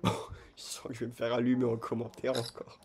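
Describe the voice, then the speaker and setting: A man streaming online casino games, chatting straight to his viewers in an excitable, casual way. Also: mid-range voice, fast talker. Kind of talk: casual gambling commentary.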